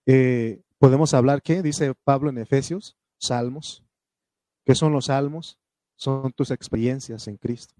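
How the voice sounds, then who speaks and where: A man's voice: medium pitch, dark tone, no room sound. A man preaching a fervent sermon, questioning his congregation and punctuating points with amen, raising his voice to read scripture. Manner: reads scripture aloud in a raised, drawn-out voice.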